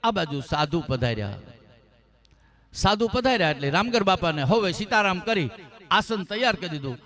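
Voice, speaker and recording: A man's voice: high voice, lively intonation, normal speed, sharp tone. A man telling a devotional folk tale with passion, often addressing the listeners and reciting verses. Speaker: folk storyteller.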